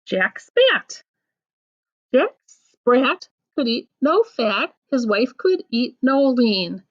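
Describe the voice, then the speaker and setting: Here a high-pitched woman recites rhymes for children in a teacherly way. Her delivery is sing-song, deliberate, and expressive, like storytelling, and the audio has a dull, lo-fi quality.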